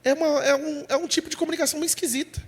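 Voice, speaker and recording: A man delivers a sermon in a bright, high voice. He is emphatic and direct, calls listeners "brother" and acts out the people in his examples. His words carry a long reverb from a church hall. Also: fairly even intonation, racing. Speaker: preacher.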